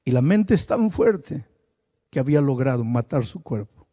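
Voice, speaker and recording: A man's voice: mid-range voice, big pitch swings, moderate pace, dark tone. A male preacher delivering a sermon, telling a story with dramatic storytelling emphasis. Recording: echoing large hall with long reverb.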